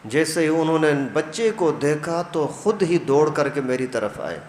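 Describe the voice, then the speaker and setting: A male religious teacher giving a storytelling lesson in a mosque, acting out the dialogue. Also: fairly high pitch. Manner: animated storytelling, acts out dialogue. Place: mosque hall. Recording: echoey hall, faint noise.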